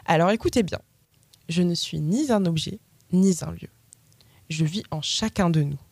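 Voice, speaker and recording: A woman hosting a radio interview show in a studio, reading measured, scripted introductions. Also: on the low side, gravelly, a little mellow, no room sound.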